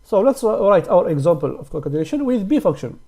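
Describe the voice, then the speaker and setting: Echoey room, male coding tutor, non-native English phrasing, lively swooping intonation, dictating code symbol by symbol, step-by-step. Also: high-pitched, quick pace. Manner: frequent rising check-in questions. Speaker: programming tutor. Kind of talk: step-by-step coding lesson, spelling out code aloud.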